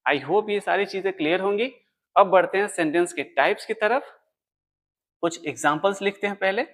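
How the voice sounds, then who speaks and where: A man's voice: high voice, normal speed. Patient man teaching English grammar. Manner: explains step by step, asks questions and answers them; writes on a board while explaining. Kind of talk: classroom lesson explaining grammar.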